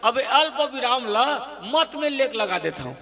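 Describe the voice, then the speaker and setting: A man with a Chhattisgarhi accent expounds the Ramayana in a very high, piercing voice. His delivery is bright and forceful. He laughs as he goes, acts out the lines he quotes, and keeps drawing call-and-response chants from the crowd in a lively devotional discourse. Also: a little slow, long reverb tail. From Chhattisgarh, India.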